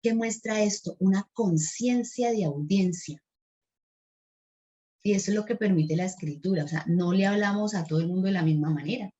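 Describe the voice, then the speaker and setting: Animated Colombian woman giving a workshop. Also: mid-range voice, normal speed, dull audio. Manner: animated, acts out the children and teacher in quotes. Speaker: teacher trainer giving a workshop. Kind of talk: lecture retelling a classroom example.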